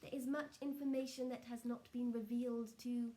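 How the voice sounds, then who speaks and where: A woman speaking as a trance channelling seance medium, solemn and measured, delivering spiritual messages in short halting phrases. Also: on the high side, flat delivery, mellow.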